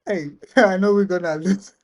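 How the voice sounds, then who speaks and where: A live stream host from Ghana with a Ghanaian accent, chatting casually with a guest, laughing often and teasing gently. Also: medium pitch, fairly even intonation, a little slow.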